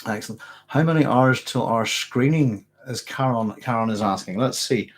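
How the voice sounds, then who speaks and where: A man with a medium-pitched voice, speaking at normal speed, hosts a late-night live science fiction Q&A for his channel. He chats loosely in a rambling, conversational style, correcting himself while answering viewers' questions.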